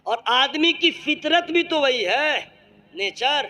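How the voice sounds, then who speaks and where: A man from Bengal preaches at a public religious gathering with a high, light voice. He tells stories and jokes in a humorous way and builds to shouted exhortation. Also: expressive, soft background music. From Bengal, India. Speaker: Islamic preacher.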